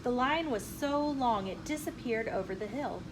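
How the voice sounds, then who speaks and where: A channel host with a fairly high-pitched voice reads a children's picture book in a bookstore, storytelling expressively and deliberately while acting out the characters' lines. Ambient sound makes the room clearly noisy.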